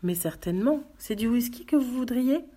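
Woman reading a polite worn-out cop, kinda awkward, husky voice. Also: fairly high pitch, expressive, moderate pace, dark tone, pitched above the performer's own voice. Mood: courteous. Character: polite, tired police sergeant, man.

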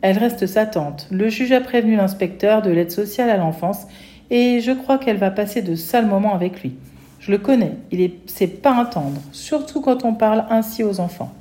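A woman's voice: medium pitch, lively intonation, moderate pace, dark tone, natural voice. A woman reading aloud, voicing a kindly, protective policeman who speaks plainly. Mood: serious.

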